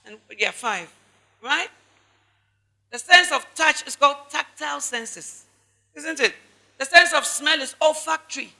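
A woman's voice: high-pitched, lively intonation, measured pace, gravelly, pauses often, bright, forceful tone, long reverb tail. A woman pastor with a Ghanaian accent preaching a sermon, stressing her points by repeating them and speaking straight to the congregation. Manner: emphatic preaching with repetition and asides to the congregation.

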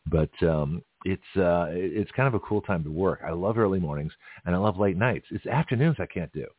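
A man hosting a casual radio talk show, chatty and rambling, his voice a little hoarse and scratchy from shouting. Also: low-pitched, a little fast, no echo, phone-quality sound. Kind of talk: casual live radio chat.

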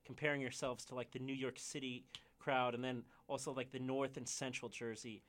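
A man's voice: medium pitch, flat delivery, fairly quick, a bit bright. A man interviewing a band, asking casual, loosely phrased questions.

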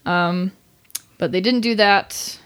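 Woman, podcast co-host, average female pitch, casual informal chat, giggly. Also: slow pace, a bit bright, clean tone.

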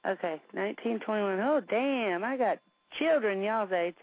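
A middle-aged woman chats as a radio host, telling bawdy stories in a frank, swearing way and laughing often. Her voice sits at a middle pitch and comes through thin and narrow, like a phone line. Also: animated, moderate pace, dry recording. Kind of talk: casual chat. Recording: tinny phone-like radio sound.

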